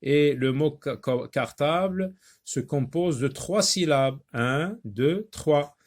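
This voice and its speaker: A man teaching a reading lesson to young children, repeating words slowly and patiently with many hesitant fillers. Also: on the high side, animated, a little mellow. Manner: slow, patient, repeats words and syllables for learners; frequent hesitations with drawn-out fillers.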